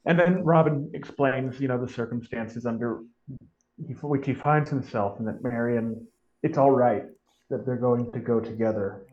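A man's voice: mid-range voice, moderate pace, a little mellow. A man hosting a podcast, chatting eagerly about a book and reading passages from it aloud. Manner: enthusiastic, restarts often. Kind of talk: casual chat and reading aloud. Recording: dull lo-fi audio.

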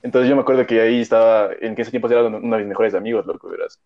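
Young man, fast casual storytelling, slangy and rambling, muffled lo-fi recording. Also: fairly low pitch, steady tone. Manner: slangy, rambling, heavy fillers. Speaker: podcast co-host. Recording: dull lo-fi audio.

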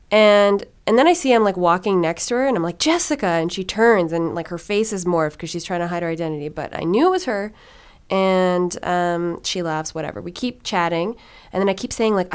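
A young woman with a clean, medium-pitched voice hosts a podcast, chatting casually with many fillers, especially "like," before moving into an interview with a guest.

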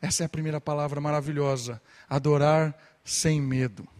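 Man, young pastor, sermon, fairly high voice, animated preaching. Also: moderate pace, long reverb tail. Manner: lively preaching, mimics gossiping churchgoers.

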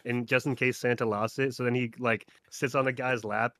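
A man with a mid-range voice recounts stories in relaxed podcast chat. He leans on fillers and acts out the moments. The sound is dry and close. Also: medium pitch, brisk, no room sound. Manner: filler-heavy, animated retelling. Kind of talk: casual storytelling.

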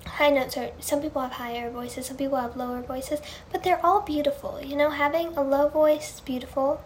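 Chatting with fans during a livestream, a high-voiced, girlish-sounding woman responds to their questions in a gushing, earnest manner, frequently saying things more than once. There's a slight hiss or hum in the recording.

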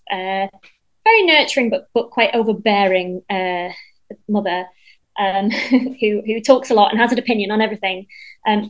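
A woman songwriter talking in a casual interview, chatty and lively, with lots of fillers and restarts and the odd casual swear word. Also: mid-range voice, rough recording.

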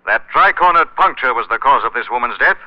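An actor playing a sinister, mocking, all-knowing avenger in a 1940s radio mystery, deliberate and theatrical. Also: male voice, medium pitch, animated, natural voice. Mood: stern, accusing. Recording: muffled old radio broadcast.

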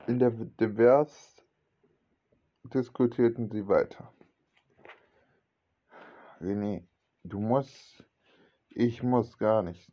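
Husky, slow man telling a homemade radio story. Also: mid-range voice. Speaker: hobby storyteller voicing every character. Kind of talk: homemade radio-play narration. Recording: dull lo-fi home recording.

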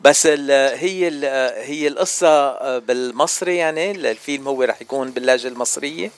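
A radio host with a fairly high voice and brisk delivery runs a casual interview, easygoing and teasing, and laughs often.

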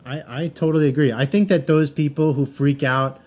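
A man in a casual chat, talking in measured, hesitant phrases and often restarting. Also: fairly high pitch, fairly even intonation, a little mellow.

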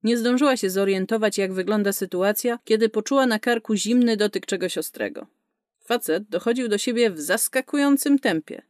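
A woman reads science fiction aloud in a brisk, vivid storytelling manner. Her voice sits at a middle pitch. The recording is dry and close, with no room around it. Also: no room sound. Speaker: audiobook narrator. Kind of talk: scripted narration.

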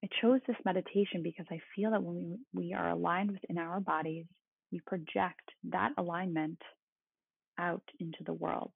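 A meditation guide speaking in a calm, meditative tone with a husky, creaky voice. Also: medium pitch, normal speed. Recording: roomy, phone-like thin sound.

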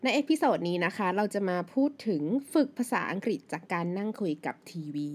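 A woman's voice: medium pitch, big pitch swings, brisk, husky. A woman in her thirties, a native Thai speaker, hosting her own podcast in a loose, chatty solo monologue full of fillers. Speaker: podcast host. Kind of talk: casual solo podcast chat.

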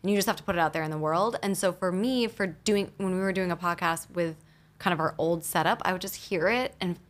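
Chatty woman with lively swings in pitch. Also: brisk. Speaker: guest, entrepreneur and podcaster. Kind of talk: casual interview chat. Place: recording studio. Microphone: studio microphone.

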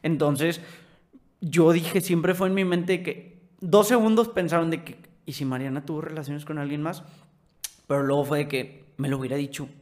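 Young Mexican man, a bit high-pitched, earnest guest explaining things step by step. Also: normal speed, darkish tone. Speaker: podcast guest. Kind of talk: casual conversation.

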